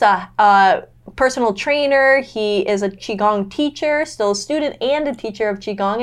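A woman hosting a podcast interview, talking with enthusiasm and drifting into long reflective sentences. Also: fairly high pitch. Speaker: podcast host. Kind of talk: casual interview chat.

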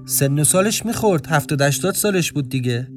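Brief: male storyteller, slightly higher voice, tense first-person narration, soft music underneath. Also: animated. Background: faint music.

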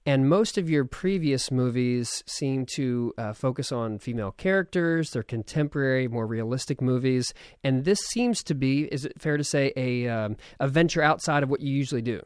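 A man's voice: mid-range voice, normal speed, hardly any pauses, clean tone, no room sound. A man hosting a podcast, chatting casually and rambling with many fillers. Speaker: podcast host.

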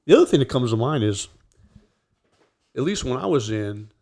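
A man co-hosting a podcast, a former soldier, talking casually in a searching, halting way with many restarts. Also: medium pitch, big pitch swings, mellow. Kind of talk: casual chat.

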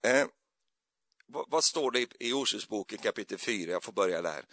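A man's voice: on the low side, animated, sharp tone, no room sound, clean studio sound. A man giving a loose, chatty sermon in a church, rambling and hesitant with many fillers and little jokes. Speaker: preacher. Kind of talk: conversational sermon.

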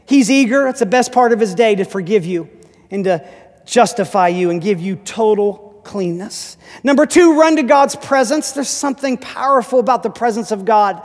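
A man pastor preaching an animated sermon, rising to shouts. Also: high voice, normal speed. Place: church hall. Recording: reverberant church hall.

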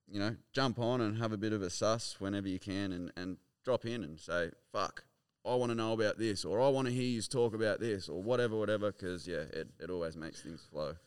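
A man's voice: lowish voice, brisk, smooth. An Australian man co-hosting a casual podcast, chatting in a matey, slangy, sweary way. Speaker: podcast co-host. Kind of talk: casual live podcast chat.

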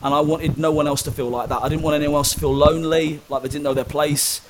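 This young interview guest is a fast talker with a slightly high, steady voice, heard over background noise. He tells personal stories frankly and conversationally, but hesitantly, repeatedly saying um and restarting.

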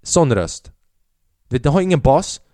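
Profane, animated young man telling stories. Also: a little high, noisy background. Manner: profane, animated, acts out other people's voices. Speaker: podcast host and stand-up comedian. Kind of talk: solo comedic storytelling.

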